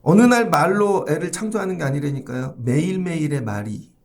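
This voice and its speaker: Gravelly Korean pastor preaching conversationally. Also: male voice, on the high side, animated, brisk. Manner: conversational preaching, addresses the congregation directly. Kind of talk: early-morning sermon. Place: church.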